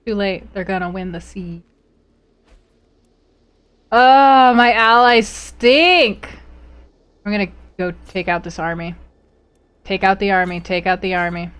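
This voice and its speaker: A woman's voice: mid-range voice, takes it slowly, long pauses, fairly bright tone, clean tone. A woman streaming a strategy game live. She reads the event text aloud, reacts with playful exclamations and talks to her chat.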